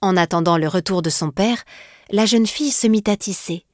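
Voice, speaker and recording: A woman storyteller reading a fairy tale aloud in a steady, expressive way. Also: mid-range voice, normal speed, no room sound, studio quality.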